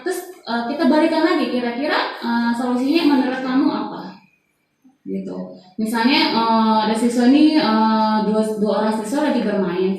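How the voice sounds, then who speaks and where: A woman teacher presenting a training module to fellow teachers, talking casually with many fillers. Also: on the high side. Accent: Indonesian. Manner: chatty, many fillers, frequent soft laughs. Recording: very echoey room, voice far off.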